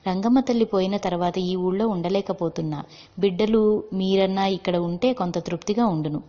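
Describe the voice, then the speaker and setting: A woman's voice: medium pitch, brisk, mellow, natural voice. A woman voicing a devoted male village servant who is grieving, speaking in a pleading, heartfelt way in a storybook reading. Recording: dull lo-fi with long reverb.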